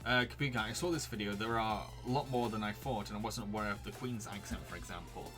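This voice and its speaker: A British man hosts a live stream quiz, chatting and giggling as he answers his chat, in an accent that blends Yorkshire with posh Received Pronunciation. His voice is on the low side and fast, with music in the background.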